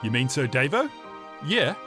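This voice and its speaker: Man acting a laconic wanderer, lively pitch. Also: moderate pace, music in the background, lightly acted. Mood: guarded, casual. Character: laconic, cautious male wasteland wanderer.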